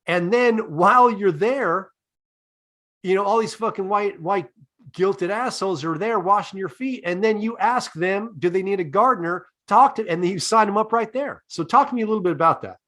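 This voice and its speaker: A man with a high voice hosts a comedy podcast. He lays out long, deadpan, profane setups before each question. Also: moderate pace. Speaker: podcast host. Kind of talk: comedic interview.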